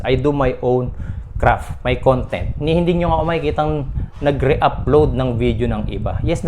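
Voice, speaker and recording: A man's voice: mid-range voice, a little mellow, a little hiss or hum. Defensive man ranting to his viewers. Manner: defensive, explaining himself to viewers. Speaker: mechanic vlogger. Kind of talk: casual vlog rant to viewers.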